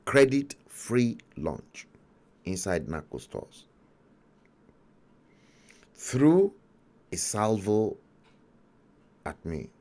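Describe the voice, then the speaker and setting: A man with a Nigerian accent speaks slowly and deliberately, drawing out each point of his story. His low voice swings widely up and down for emphasis. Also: big pitch swings, a little mellow. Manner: emphatic, slow storytelling with dramatic pauses. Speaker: talk show host. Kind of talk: livestream commentary monologue.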